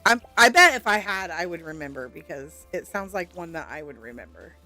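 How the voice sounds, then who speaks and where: A woman's voice: on the low side, animated, a little fast, bright, forceful tone, soft background music. A woman streamer chatting casually with viewers while playing a game, laughing often. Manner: chatty and giggly, answering viewers. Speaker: gaming streamer.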